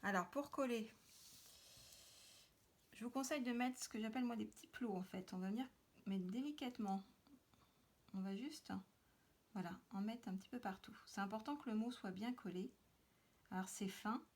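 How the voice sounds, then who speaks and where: A woman's voice: on the high side, normal speed, long pauses. A woman hosting a card-making tutorial, talking casually while she works with many hesitations and fillers. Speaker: crafting tutorial host. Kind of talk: casual craft demonstration.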